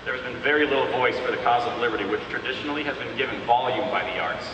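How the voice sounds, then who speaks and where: An American man delivering a solemn, rhetorical speech to an audience in deliberate, oratorical phrases. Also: medium pitch. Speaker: public speaker, film-maker. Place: large room with an audience. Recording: echoey hall, distant mic, noisy.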